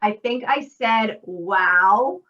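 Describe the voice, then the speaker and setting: A woman's voice: mid-range voice, drawn-out words, distant mic, muffled recording. A woman hosting a virtual event, chatty and upbeat on a video call. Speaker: event host. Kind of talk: casual chat.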